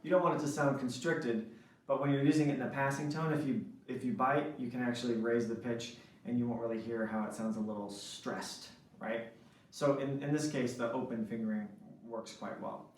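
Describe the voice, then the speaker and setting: A man teaches saxophone fingerings in an instructional lesson, often pausing to ask "right?". His voice sits at an ordinary middle pitch. The recording is heavily echoey, with the mic set back from him. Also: fairly even intonation. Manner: explanatory, frequent "right?" checks. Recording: echoey room, mic at a distance.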